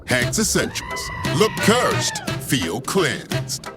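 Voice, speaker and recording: A man playing a smooth, sassy pitchman for haunted skincare in a parody radio advert. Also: huge pitch swings, drawn-out words, full character voice. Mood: cheeky, selling. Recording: hip hop music bed.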